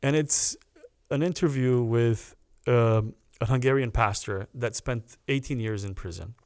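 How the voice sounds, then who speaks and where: A man, a guest on a podcast, telling a personal story in a casual, animated way, often stopping to restart a phrase. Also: medium pitch, unhurried, clean tone, dry recording. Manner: animated anecdote teller with restarts.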